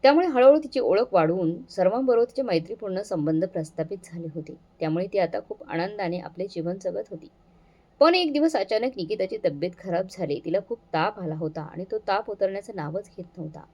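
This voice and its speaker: A woman storyteller narrating a moral family story in a steady, earnest reading. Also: medium pitch, a little fast, lo-fi sound.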